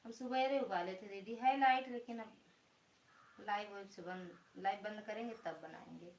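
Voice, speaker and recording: Awadhi woman, home live-stream host, loud, casual, mid-pitched, roomy phone sound with faint hiss. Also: moderate pace. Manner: greets viewers with religious salutations, talks loudly. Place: indoors at home, in a room.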